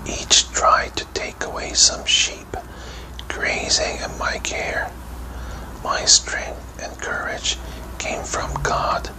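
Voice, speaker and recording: A brave young shepherd boy full of faith, acted out by a man speaks in a storybook whispered role-play. The delivery is breathy and slow, all in a whisper. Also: natural voice, poor audio. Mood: earnest, brave.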